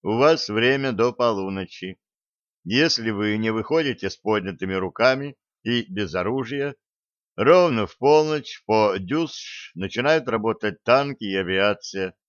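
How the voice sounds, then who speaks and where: A man voicing a weary male official negotiator who speaks in a flat, unchanging, dejected tone. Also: lowish voice, unhurried, no echo, dull audio. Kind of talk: audiobook character voice.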